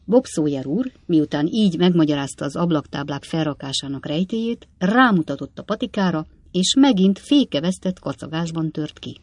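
A reader narrating a classic novel as an audiobook in an even, measured way. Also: medium pitch, no room sound. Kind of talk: scripted narration.

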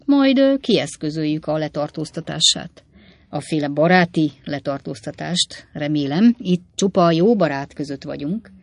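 A woman voicing a smooth, scheming older male lawyer who speaks in a wheedling, ingratiating way. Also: low voice, animated, no echo.

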